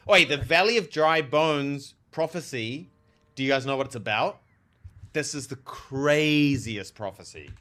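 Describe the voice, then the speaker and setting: A man with a bright, forceful voice and a pronounced lisp from a dental retainer. He talks casually to his livestream chat, animated and slangy, while he plays a game. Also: mid-range voice, a little slow. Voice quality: lisp, made stronger by a new retainer. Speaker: live streamer, theologian.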